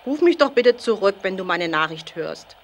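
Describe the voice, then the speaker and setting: A woman's voice: medium pitch, big pitch swings, normal speed. A woman playing a chatty friend leaving an informal phone message.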